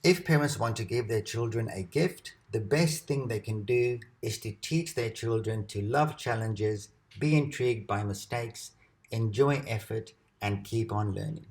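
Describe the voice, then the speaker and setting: A man with a lowish voice reads an educational presentation in a steady, measured way. His delivery is calm and scripted, like a narrated lesson.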